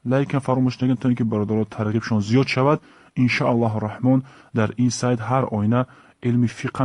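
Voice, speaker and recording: A man with a Tajik accent teaching the Arabic alphabet, saying each letter and word slowly and repeating it. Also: medium pitch, darkish tone, dry recording. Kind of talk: alphabet lesson.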